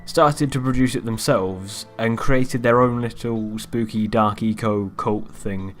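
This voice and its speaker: A man's voice: on the low side, unhurried, faint music behind. A man hosting his own video channel, walking through a game theory recap in an offhand, rambling way that trails off. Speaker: YouTube channel host. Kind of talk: casual narrated video outro.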